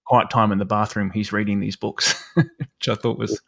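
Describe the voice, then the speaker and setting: A New man hosts a live stream, chatting in a loose, rambling way full of fillers. His voice sits a little low, and the sound is dry and close. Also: steady tone, normal speed, creaky, a bit bright, dry recording. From New Zealand. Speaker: livestream host. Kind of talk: casual chat.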